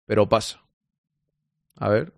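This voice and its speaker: A man's voice: lowish voice, takes it slowly, gravelly, no room sound, clean studio sound. Chatty man from Spain hosting. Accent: Spain Spanish. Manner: chatty, joking, reads listener comments aloud. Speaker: sports podcast host. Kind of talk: casual live stream chat.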